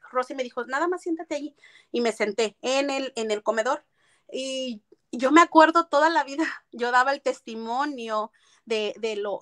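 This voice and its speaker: A woman recounts her past to an interviewer in an earnest, storytelling way. Her voice sits a little high, and she drops English phrases into her speech. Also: pushed and bright. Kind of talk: personal testimony in an interview.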